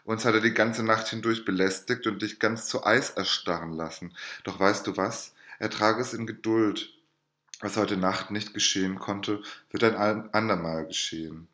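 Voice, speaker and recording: A man's voice: fairly low pitch, steady tone, moderate pace, fairly bright tone, close to an everyday voice. A man reading aloud and voicing a young housemaid who speaks with false sympathy. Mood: false pity. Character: housemaid with feigned pity, young woman.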